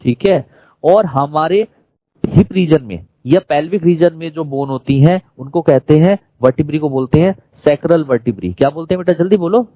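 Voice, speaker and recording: A man's voice: on the high side, normal speed, dry recording, dull audio. Male teacher lecturing in an Indian accent. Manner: questions the class and repeats key terms. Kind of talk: classroom lecture.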